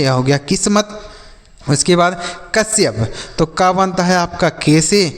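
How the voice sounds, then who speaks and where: A man, patiently teaching spelling step by step in a lesson. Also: sits high. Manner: patient, repetitive step-by-step explaining. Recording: long reverb.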